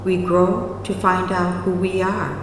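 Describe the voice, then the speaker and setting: A woman narrating a guided relaxation meditation in a soothing, measured way with long pauses, recorded with heavy reverb. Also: on the low side, level tone, noisy background. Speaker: hypnotherapy guide. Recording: very echoey, long reverb, distant. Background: music.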